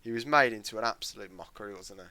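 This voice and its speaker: A British man in his late teens co-hosting a podcast in casual chat, loud and chatty, often trailing off into quiet asides. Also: on the low side, quick pace. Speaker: podcast co-host.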